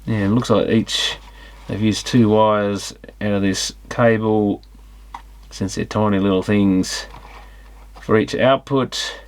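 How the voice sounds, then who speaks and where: At a slow pace and steady tone, a man with a fairly low voice gives an unscripted electronics teardown, thinking aloud as he examines things. He's a repair hobbyist, and his musings are casual.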